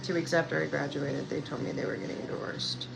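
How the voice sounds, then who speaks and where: This self-care coach and vlogger from Pennsylvania, USA, has a low, brisk, gravelly voice on a low-quality recording. At home indoors with background music playing, she answers viewers in a casual live chat, rambling and hesitating with lots of fillers.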